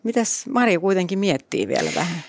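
A woman hosting a podcast in a chatty, easygoing way, quick to laugh. Her voice sits a little low for a woman. It comes across close and dry. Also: big pitch swings, darkish tone, dry recording. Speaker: podcast host. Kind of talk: casual podcast chat.

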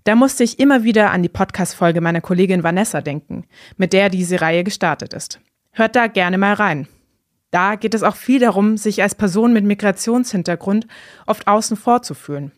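A woman hosting a podcast, reading scripted narration in a calm, even way. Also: medium pitch, no echo, clean studio sound. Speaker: podcast host.

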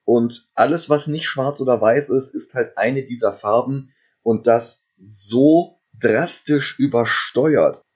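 A man's voice: medium pitch, takes it slowly, husky, highs cut off. A man co-hosting a casual film podcast, retelling the plot at length with dry asides. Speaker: podcast co-host recapping a film. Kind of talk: casual chat.

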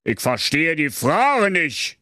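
A man plays a lazy, bored king in a comedic storybook tale, drawling slowly and bossily in coarse speech. The voice sits high with a strange, pinched timbre, recorded dry and close. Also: very animated, a bit bright, no room sound, heavily acted. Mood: blustering bossy. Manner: drawling, crude, bossy.

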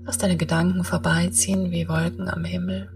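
Woman, soft half-whisper, soothing, slow guided meditation, slightly low pitch, somewhat distant mic. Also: background noise. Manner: slow, spaced-out instructions with long calm phrasing. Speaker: podcast host and meditation guide.

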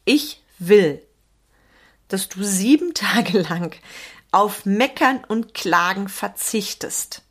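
A woman's voice: mid-range voice, animated, slow, fairly bright tone, breathy edge. Earnest German-speaking woman podcast host. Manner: earnest, emphatic, repeats key words. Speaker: podcast host and business coach. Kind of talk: solo motivational podcast.

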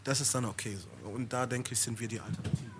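A middle-aged man in a relaxed podcast conversation, speaking at an ordinary pitch. He talks loosely and keeps tagging his sentences with "you know", with a faint hiss behind him. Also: quick pace. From Stuttgart area, Germany. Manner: loose and chatty, leans on "you know" tags. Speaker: rapper guest.

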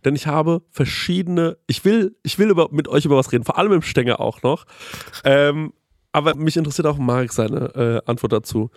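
A man's voice: fairly high pitch, brisk, dry recording, studio quality. A man hosting a casual chat, ranting animatedly with lots of swearing.

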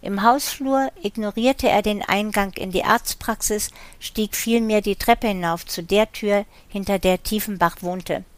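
A woman's voice: medium pitch, fairly even intonation, unhurried, hardly any pauses, dry recording. Woman reading a thriller aloud. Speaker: audiobook narrator. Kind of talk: scripted narration.

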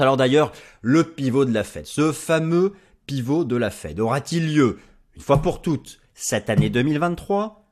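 Lively husky-voiced man explaining markets. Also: mid-range voice. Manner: lively, emphatic, many restarts and asides. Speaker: market analyst presenting forex video. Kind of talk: market commentary over charts.

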